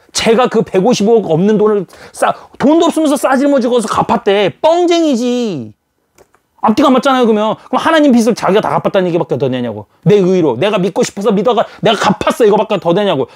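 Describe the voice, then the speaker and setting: Fast, animated male preacher. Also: sits high. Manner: animated, emphatic, full of rhetorical questions to the audience. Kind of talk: sermon.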